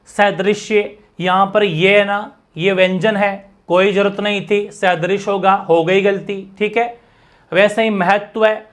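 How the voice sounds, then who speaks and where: A high-voiced man, teaching a live exam-prep class in a conversational way. He keeps checking that his students follow along and warmly answers viewers in the chat. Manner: explains with constant check-ins to students. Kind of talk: exam-prep language lesson.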